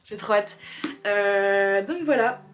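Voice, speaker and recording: A woman presenting books in a casual vlog, chatty and excitable, laughing often and reading back-cover blurbs aloud. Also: medium pitch, takes it slowly, a little hiss or hum. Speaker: booktuber. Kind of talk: casual book haul chat.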